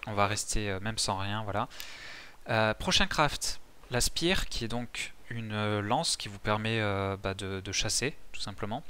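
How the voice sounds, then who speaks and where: A man's voice: on the low side, pushed and bright. A man casually explaining a survival game's crafting as he plays, talking in a chatty way with many fillers and restarts. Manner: chatty, many fillers and restarts, mixes English game terms. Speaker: gaming youtuber explaining a survival game. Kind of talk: casual game tutorial commentary.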